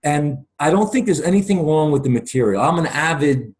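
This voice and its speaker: A man's voice: on the high side, lively intonation, a little fast, a little mellow. A man in his forties on a video call from home, talking earnestly and at length as a guest in a casual chat. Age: 40s. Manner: earnest, talkative storyteller. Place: home room. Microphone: video call webcam.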